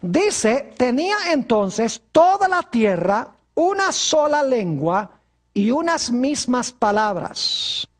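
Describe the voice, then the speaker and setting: A woman preacher leading a televised Bible study in a formal, measured manner, slowing down to stress scripture verses. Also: sits high, darkish tone.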